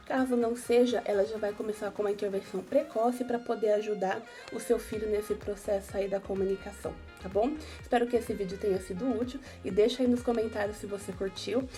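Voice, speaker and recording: A Brazilian-accented woman speaks to parents in a relaxed, chatty educational tone, checking in with little tag questions as she goes. Her voice is warm and mellow, with faint music playing softly behind her. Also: medium pitch. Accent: Brazilian Portuguese. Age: adult mother of young children. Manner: conversational, with frequent tag questions. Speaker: neuropsychopedagogue giving parenting advice. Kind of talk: informal educational talk to parents.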